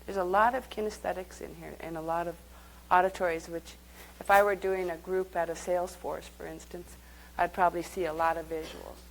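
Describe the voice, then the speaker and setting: A woman's voice: on the low side, fairly even intonation, a little fast, hardly any pauses, a little hiss or hum, low-quality recording. A woman leading a live workshop, speaking conversationally and guiding the group through exercises. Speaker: workshop teacher.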